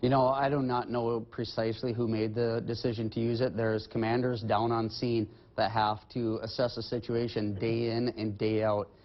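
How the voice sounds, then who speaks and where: A man, a highway patrol lieutenant, answering questions in a measured, official way in a TV interview. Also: level tone, lo-fi sound. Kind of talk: remote TV interview.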